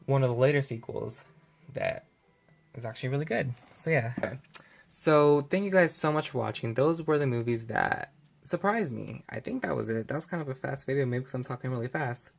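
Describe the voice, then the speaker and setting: A young man chats loosely to his camera from home, stumbling through fillers and correcting himself as he goes. His voice sits at an ordinary middle pitch. It keeps a gravelly, creaky edge throughout. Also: a little fast. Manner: rambling, filler-heavy, self-correcting. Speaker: vlogger. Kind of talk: casual unscripted video review.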